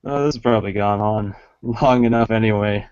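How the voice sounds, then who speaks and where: A man joining a casual video call as a guest, making dry, low-key remarks. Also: fairly quick, a little mellow, clear, resonant tone, muffled recording. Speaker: guest, fellow cast member.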